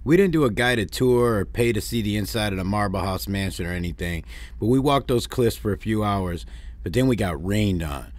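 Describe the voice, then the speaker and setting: A man's voice: on the low side, animated, normal speed, no echo. A man from Detroit narrating a family road-trip vlog in a plainspoken, wry way, with dry complaints. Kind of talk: narrated travel recap.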